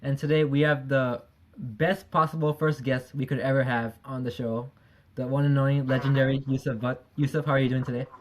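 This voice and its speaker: A man's voice: medium pitch, little pitch movement, fairly quick. Man hosting a podcast, faint hiss. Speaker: podcast host.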